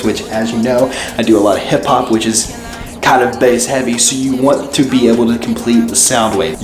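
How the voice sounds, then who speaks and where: A man hosting a casual, explanatory vlog in an informal way, recorded in a bare room with a hallway-like echo. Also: mid-range voice. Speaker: host, musician and YouTuber. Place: indoors, bare untreated room being made a studio.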